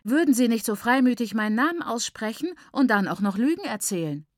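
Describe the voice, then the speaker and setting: A woman's voice: a little high, lively intonation, brisk, no room sound, studio quality, voice pushed up, natural voice. A woman doing a firm, steadfast sister.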